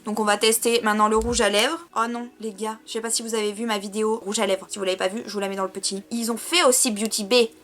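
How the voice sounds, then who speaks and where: A woman's voice: mid-range voice, level tone, fast talker, few pauses, a bit bright. A young woman chatting casually in a beauty vlog, self-mocking and talking while she tries on makeup. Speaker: beauty vlogger. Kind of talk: casual makeup tutorial chat.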